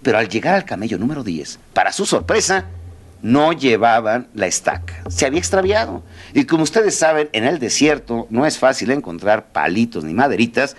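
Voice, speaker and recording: A man's voice: mid-range voice, normal speed. A man giving a motivational talk, telling a story and speaking straight to the audience. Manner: animated, addresses the audience directly.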